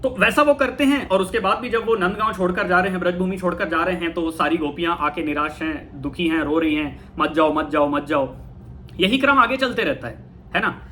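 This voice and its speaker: A man giving a casual talk on spirituality, thoughtful, pausing and correcting himself often. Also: high voice, pushed and bright, a little hiss or hum. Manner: thoughtful, with frequent fillers and self-corrections. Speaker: talk host.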